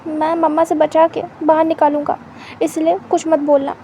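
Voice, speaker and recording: A woman's voice: sits high, flat delivery, moderate pace, dark tone, slight background noise. A woman voicing a shy, flustered young man who protests in a huffy way.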